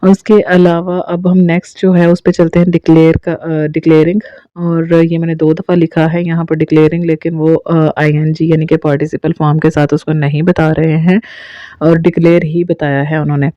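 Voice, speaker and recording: A woman's voice: low-pitched, flat delivery, normal speed, mellow, dry recording. Woman teacher explaining on a dull, dry phone recording. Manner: explains step by step, with frequent fillers. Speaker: English teacher. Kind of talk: online class explanation.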